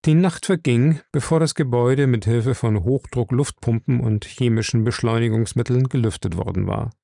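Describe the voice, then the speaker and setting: A man narrating a crime novel in a steady, measured reading voice. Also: medium pitch, vocal fry, dry recording, studio quality. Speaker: audiobook narrator.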